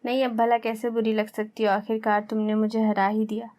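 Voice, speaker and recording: A woman's voice: fairly high pitch, level tone, darkish tone, no echo, natural voice. A woman voicing a proud young husband who is stubborn at first and turns tender. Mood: tender, teasing. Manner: firm, then teasing and tender.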